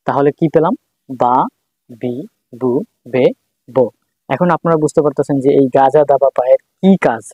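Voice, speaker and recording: A man's voice: mid-range voice, breathy edge, no room sound, dull audio. A man teaching a writing lesson, patiently repeating syllables one by one as he writes. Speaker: language teacher.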